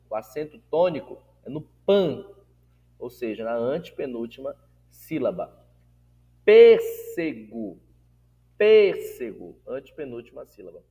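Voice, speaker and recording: A male teacher giving a recorded lesson, slowly drawing out each syllable as he models a word. His voice sits at an ordinary middle pitch, and it carries a long, lingering reverb as if he were speaking in a large hall. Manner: slow, drawn-out syllables when modelling words; asks the class rhetorical check-in questions.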